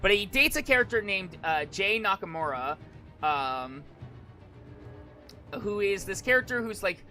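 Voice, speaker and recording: High, bright-voiced male streamer, rambling along. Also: animated, unhurried, pauses often, faint music behind. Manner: hesitant, rambling, repeats and restarts phrases. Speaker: streamer, virtual YouTuber. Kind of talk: casual live-stream commentary.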